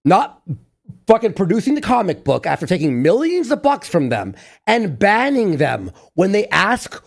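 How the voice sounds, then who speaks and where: A podcast co-host with a gravelly, creaky voice chimes in with casual, mocking commentary. His pitch swings widely, and he swears freely. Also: very animated, normal speed. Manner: interjecting, mocking, profane.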